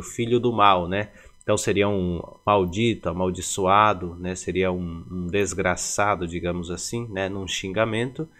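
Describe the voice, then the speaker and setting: A man giving a casual video language lesson, explaining slowly with frequent fillers and tag questions. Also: on the low side, a bit bright. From Paraguay. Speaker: language teacher.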